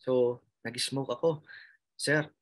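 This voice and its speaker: A man's voice: mid-range voice, fairly even intonation, slow pace. Filipino man, nurse interviewee, earnest, heartfelt storytelling, mid-range voice. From Philippines. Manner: earnest, addresses host as sir, frequent fillers and restarts. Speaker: interviewee, nurse who passed the licensure exam.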